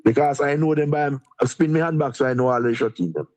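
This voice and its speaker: A man's voice: mid-range voice, fast, a little mellow. A man with a Jamaican accent, a deputy mayor being interviewed, talking in a repetitive, rambling way and chuckling. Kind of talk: interviewed on a live stream.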